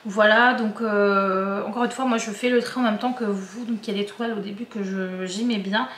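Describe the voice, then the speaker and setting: A woman's voice: medium pitch, steady tone, normal speed, fairly bright tone, echoey room. A woman with a regional French accent, chatting casually to her viewers about diamond painting kits, often hesitating with fillers and restarts.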